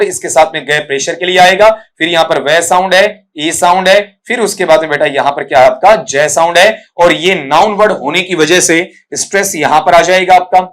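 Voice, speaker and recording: A man with a notably high-pitched voice leads an exam-prep English class, drilling word sounds over and over. He addresses his students fondly as "beta" and breaks each word into its sounds. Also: fairly bright tone. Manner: drills words by repeating them, calls students "beta". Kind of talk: pronunciation lesson lecture.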